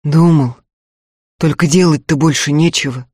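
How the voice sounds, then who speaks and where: A man reading an audiobook, voicing a young peasant man who speaks in a flat, lifeless, frozen voice. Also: mid-range voice, measured pace, no echo, studio quality, voice pushed down. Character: young peasant man, cold and numb with despair.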